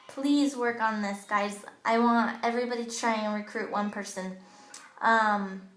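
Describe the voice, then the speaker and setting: This direct-sales makeup team leader speaks a little slowly, her childish-sounding voice a little high, a bit bright and fairly even in intonation. She gives her sales team a chatty, casual training talk heavy with ums and you-knows, recorded on an old smartphone camera in her echoey home bathroom.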